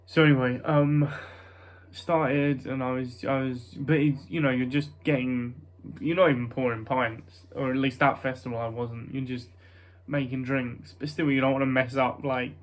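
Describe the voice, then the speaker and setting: A man's voice: medium pitch, steady tone, moderate pace. A young British man with a nasal voice rambles casually to his vlog viewers, hesitant and self-conscious, often breaking off mid-thought. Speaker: vlogger.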